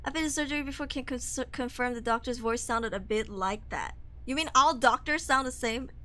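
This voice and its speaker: Bright high-voiced woman streamer. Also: a little fast. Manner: chatty, jumpy, swearing and laughing. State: sniffly with a cold. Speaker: VTuber streamer. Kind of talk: live horror game stream chat.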